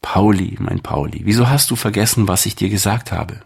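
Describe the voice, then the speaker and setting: Man reading as a calm kind shepherd, low gravelly voice, soft and reassuring. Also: brisk. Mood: gentle, forgiving. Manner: gentle and reassuring. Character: kind, patient adult male shepherd. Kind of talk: storybook reading.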